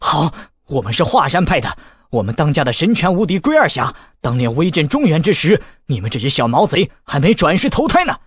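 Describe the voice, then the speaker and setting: A man's voice: a little high, big pitch swings, fairly quick, few pauses, husky, no room sound. A man voicing a fierce, proud older woman who scolds defiantly. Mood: boastful.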